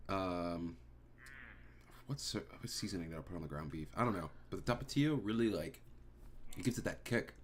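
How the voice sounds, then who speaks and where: A man's voice: low voice, lively intonation, normal speed, long pauses, slight background noise. A man streamer chatting casually while gaming, rambling and scatterbrained with lots of fillers and restarts.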